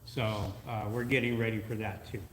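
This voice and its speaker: A man's voice: on the low side, flat delivery, moderate pace, echoey room, long reverb tail, slight background noise, poor audio. A man co-hosting a live podcast, easygoing and full of uhs, greeting viewers and reading their comments aloud. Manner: easygoing, filler-heavy with frequent uh. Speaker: podcast co-host.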